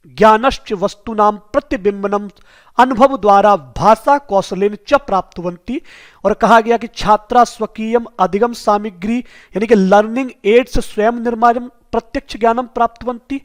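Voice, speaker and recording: A man's voice: very high-pitched, normal speed. A man teaching an exam-prep lesson who keeps asking rhetorical questions and calling the viewers his friends.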